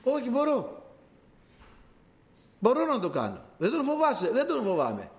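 A male preacher voicing a young, fearless shepherd boy who speaks boldly, well above his own pitch. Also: huge pitch swings, heavily acted. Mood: defiant. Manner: bold and eager.

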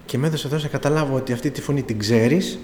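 A man's voice: medium pitch, a little mellow. Man, middle-aged, preacher, storytelling with pleading emphasis, long reverb, faint room noise. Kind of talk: sermon testimony.

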